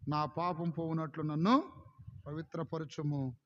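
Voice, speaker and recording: A man preaching a sermon as pastor, with impassioned delivery that swings suddenly in loudness and pace. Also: fairly high pitch, fairly even intonation, a little slow. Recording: dull lo-fi sound with long hall reverb.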